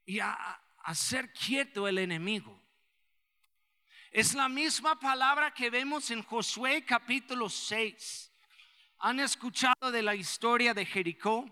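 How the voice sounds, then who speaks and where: A pastor from the United States, preaching a sermon and rising to shouts for emphasis. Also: male voice, very high voice, unhurried. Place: church. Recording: long church hall reverb.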